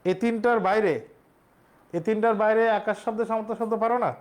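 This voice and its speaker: A man's voice: high voice, steady tone, brisk. A male teacher, explaining exam questions step by step and quizzing his students. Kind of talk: exam-prep lesson.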